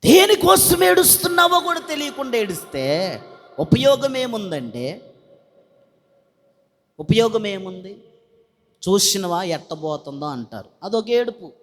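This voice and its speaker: A male pastor preaches a sermon in a very high, lively voice that climbs and falls across a wide range. He drives his point home with repeated refrains and draws answers from the congregation. The sound carries the long, ringing reverb of a church hall.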